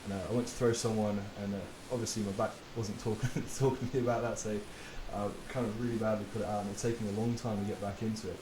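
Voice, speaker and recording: A man's voice: fairly low pitch, fast talker, hardly any pauses. A man hosting a podcast as a personal trainer, talking casually and laughing easily, with the odd swear. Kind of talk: casual chat. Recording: roomy with steady hiss.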